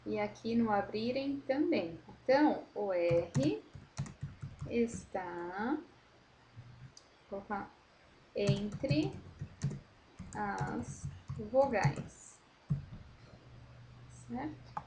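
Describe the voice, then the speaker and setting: Slow, patient woman teacher. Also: mid-range voice, lively intonation, noisy background. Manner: slow, drawn-out modelling of words, patient explaining. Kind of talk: correcting a school worksheet for children.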